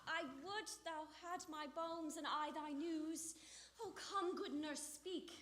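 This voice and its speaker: A woman's voice: high-pitched, slow, a bit bright. A woman acting an eager, impatient young girl in love on a theatre stage, pressing with urgent questions. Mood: pleading. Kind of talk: live stage acting of verse drama. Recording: roomy theatre stage sound.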